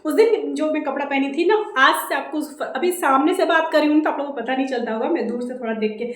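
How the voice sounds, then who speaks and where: A woman in her thirties from India with a Jharkhand Hindi accent, talking loudly and quickly in a casual home vlog, recorded on the camera's own mic. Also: high voice. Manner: loud and fast-talking. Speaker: vlogger. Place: indoors at home. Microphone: camera mic without a separate microphone. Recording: echoey room, voice from camera distance.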